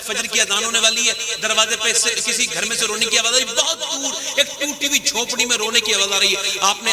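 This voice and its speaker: A man giving a storytelling sermon at a mosque gathering, animated, rising to shouts and acting out the voices in his stories. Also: extremely high pitch, roomy sound. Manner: animated, swings to shouts, acts out quoted voices. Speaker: religious speaker. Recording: live mosque crowd behind.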